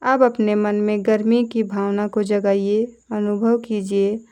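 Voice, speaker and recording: Calm and deliberate, a female yoga nidra instructor leads the meditation in short instructions, her voice sitting in the mid range.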